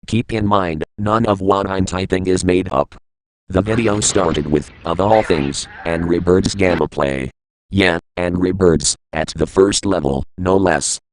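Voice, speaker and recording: A man's voice: low voice, unhurried, no echo, rough recording. A man reading a scripted creepypasta as a first-person narrator. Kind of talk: scripted horror story narration.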